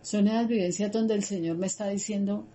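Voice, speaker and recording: A woman's voice: mid-range voice, steady tone, brisk, mellow, a little hiss or hum. A woman teaching a Bible study in an earnest, conversational way, repeating her words and speaking straight to her listeners. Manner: earnest, repetitive, addresses listeners directly.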